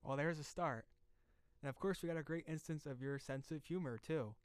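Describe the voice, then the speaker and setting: A young man hosting a laid-back interview, choosing his words politely and earnestly. His voice is smooth and resonant, recorded close and dry. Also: on the high side, fairly quick, no room sound. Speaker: podcast host. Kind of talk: casual interview.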